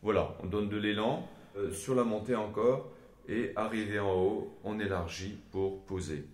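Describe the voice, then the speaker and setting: A man teaching Gregorian chant in a measured, explanatory way, often pausing to hesitate, with short sung examples. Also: on the low side, a little mellow. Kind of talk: spoken lesson with sung examples. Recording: echoey room.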